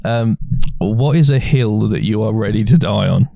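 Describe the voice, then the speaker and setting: Laid-back young man, low and dry. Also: moderate pace, gravelly, warm tone, no echo. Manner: laid-back, laughs often, sweary. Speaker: podcast co-host. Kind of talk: casual chat.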